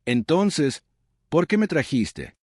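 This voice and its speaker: A man's voice: on the high side, sing-song, takes it slowly, slightly rough, dry recording, studio quality, pitched above the performer's own voice, full character voice. A man doing a frightened, hesitant stranger. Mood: fearful, hesitant. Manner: hesitant, fearful questions.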